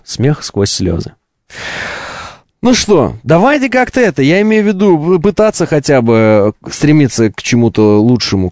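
A man's voice: a little high, a little mellow, dry recording, clean studio sound. A man hosting a live stream, delivering an opinionated, didactic monologue with emphatic rhetorical questions and ironic asides.

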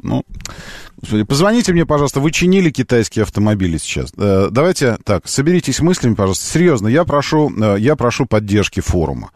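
Male talk-radio host: argumentative, emphatic, repetitive phrasing, highly animated pitch, dry studio sound. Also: fast talker, no room sound. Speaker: radio call-in show host. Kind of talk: live car talk radio, conversational monologue.

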